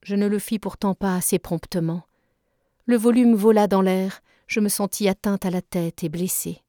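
A woman narrating an audiobook of a classic novel in a calm, measured way. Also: mid-range voice, dry recording, studio quality.

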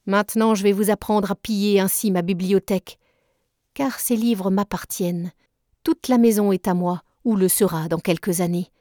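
A woman reading aloud and voicing a cruel, spoiled rich boy who bullies his orphaned cousin, in a scornful, shouting tone. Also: mid-range voice, fairly even intonation, normal speed, no room sound, clean studio sound, lightly acted. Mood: scornful tirade.

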